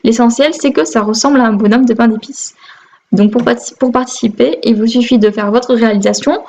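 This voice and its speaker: A woman's voice: a little high, fairly even intonation, fairly quick, mellow, lo-fi sound. A woman in a casual vlog, chatting cheerfully from her home, with many fillers. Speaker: craft vlogger. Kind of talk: casual chat. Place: home room with a Christmas tree.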